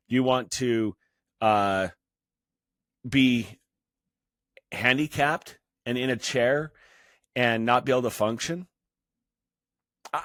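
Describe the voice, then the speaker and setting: A man's voice: medium pitch, a bit bright, no echo. Earnest middle-aged man, dry sound. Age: 50s. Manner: earnest, halting with many restarts. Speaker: fitness channel host. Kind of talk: personal talk to camera.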